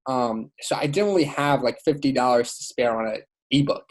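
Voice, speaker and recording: A young man born in Iraq, appearing as a podcast guest, speaks at medium pitch and a moderate pace. He is a student author and educator, and his casual interview talk is informal and enthusiastic, packed with "like" and "you know."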